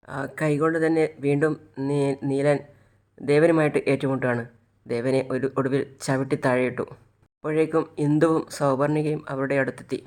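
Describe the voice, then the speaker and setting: A man's voice: fairly high pitch, a little mellow. A man casually narrating a recap of a TV serial episode, stepping into the characters' lines as he goes. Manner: retells scenes and acts out the lines of each character.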